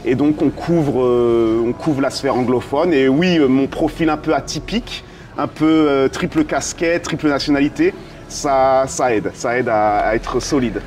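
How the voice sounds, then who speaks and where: A man of dual French and American background answers interview questions conversationally as a business consultant, slipping in English business terms. His medium-pitched voice is a little mellow and measured in pace, and the recording carries clearly noisy ambient background.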